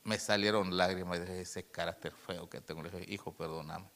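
Male pastor, bright and forceful tone, storytelling sermon with loud-to-hushed swings. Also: deep voice, fairly even intonation, fairly quick. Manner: storytelling preacher, addresses listeners as "hermano", swings from loud to hushed.

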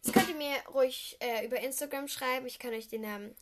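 A teenage girl from Düsseldorf talks on her own casual podcast, her voice pitched high. She rambles and corrects herself, dropping giggly asides. She speaks into a simple home microphone. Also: fast. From Düsseldorf, Germany. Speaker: podcast host. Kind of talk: casual solo film-review podcast.

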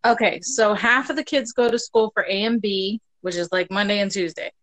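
A woman hosting a podcast in casual chat over a video call, relaxed and quick to swear. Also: medium pitch, dry recording. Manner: casual, laughs easily, swears. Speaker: podcast host.

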